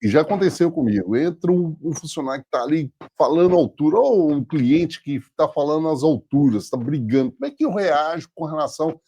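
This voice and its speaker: A man's voice: on the high side, expressive, brisk, hardly any pauses, warm tone, husky, muffled recording. A man from Brazil hosting a casual business talk show, asking loose, rambling questions full of restarts. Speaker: podcast host. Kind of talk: casual interview chat.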